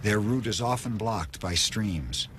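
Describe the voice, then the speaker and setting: A man's voice: on the low side, animated, unhurried, noisy background. A man reading scripted narration for a nature documentary.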